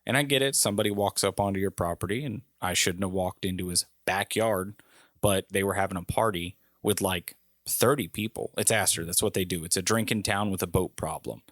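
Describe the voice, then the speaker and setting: A low-pitched man on a casual podcast, spinning a story with animated gusto and jumping up in pitch whenever he quotes someone. The sound is dry and close, with no room around his voice. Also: brisk, no room sound. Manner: animated storyteller, raising his voice when quoting people. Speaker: podcast co-host.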